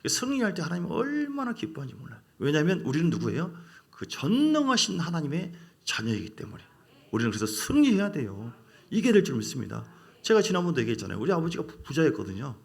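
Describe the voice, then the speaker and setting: Animated Korean pastor preaching emphatically. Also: male voice, on the high side, fast talker, creaky. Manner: emphatic, call-and-response with congregation. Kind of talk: sermon.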